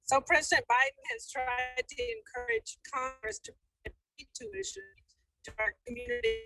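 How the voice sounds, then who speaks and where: A woman's voice: sits high, big pitch swings, moderate pace, bright, forceful tone, dry recording, faint music behind, poor audio. A woman questioning at a public hearing over a video call whose audio keeps breaking up and cutting out. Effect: choppy video-call audio breaking up.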